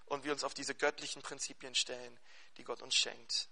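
A man preaching a sermon as pastor, animated, turning often to the congregation with questions, later leading a fervent prayer. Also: mid-range voice, normal speed, gravelly.

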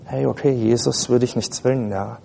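A man's voice: medium pitch, steady tone, normal speed, vocal fry, dark tone, a little hiss or hum. A man preaching a sermon at a church service in a colloquial, casual way, speaking directly to his listeners. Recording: long hall reverb.

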